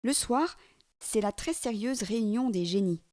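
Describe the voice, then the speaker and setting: A woman storyteller reading a children's book aloud in a clear, steady narration. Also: a little high, measured pace, no room sound, clean studio sound.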